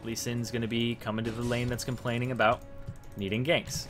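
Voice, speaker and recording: A young man with a mid-range voice talks briskly and flatly as he plays, offering casual, explanatory commentary and thinking aloud for a strategy guide. Game music and sounds play faintly behind him.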